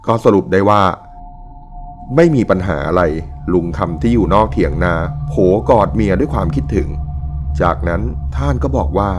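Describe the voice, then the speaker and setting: A man calmly narrating a ghost story in a measured storytelling manner. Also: lowish voice. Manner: calm, measured storytelling with quoted dialogue.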